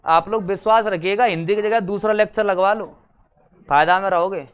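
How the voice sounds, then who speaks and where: Brief: young male teacher, smooth resonant tone, teasing classroom chat, quizzes the class. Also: high voice, brisk. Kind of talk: exam-prep lecture.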